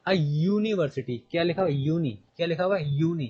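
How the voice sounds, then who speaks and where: Husky-voiced male teacher quizzing a class. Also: a little high, steady tone, darkish tone, lo-fi sound. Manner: repeats points and quizzes students with quick questions. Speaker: English grammar teacher.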